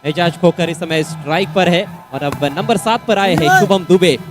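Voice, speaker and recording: Fairly high-voiced Indian man, cricket commentator. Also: moderate pace, music in the background. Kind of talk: live cricket commentary, analytical.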